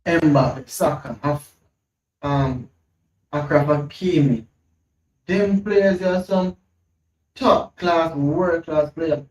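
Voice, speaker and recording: Hosting a casual football podcast, a man with a fairly high voice speaks extremely slowly, pausing often as he thinks aloud, repeats himself, and reads off his screen. The audio is lo-fi and roomy, picked up by a distant mic with a faint hum.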